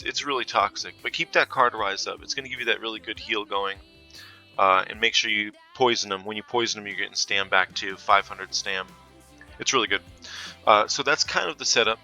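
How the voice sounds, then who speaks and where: A man talks through a game build in a relaxed, chatty way, often correcting himself as he goes. His voice sits fairly low but sounds strikingly bright and sharp. Music plays softly behind him. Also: fairly quick, poor audio. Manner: chatty, loose, with frequent fillers and self-corrections. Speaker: gaming content creator. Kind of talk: casual game build walkthrough.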